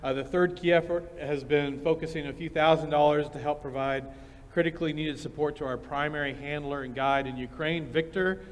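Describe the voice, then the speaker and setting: A man speaks as a pastor to his congregation, informal and encouraging. His voice sits a little high, with the long reverb of a hall around it. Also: fairly even intonation, brisk.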